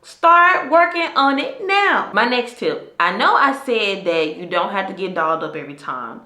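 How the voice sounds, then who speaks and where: A woman's voice: mid-range voice, animated, moderate pace, sharp tone, reverberant. A woman in her twenties giving casual dating advice in a vlog, chatty and emphatic with sassy asides. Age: 20s. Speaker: lifestyle vlogger.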